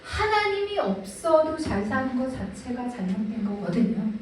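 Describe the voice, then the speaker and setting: Woman pastor, high and lively voice, expressive sermon delivery, recorded from a distance in an echoing hall. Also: slight background noise. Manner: expressive preaching with voiced prayers.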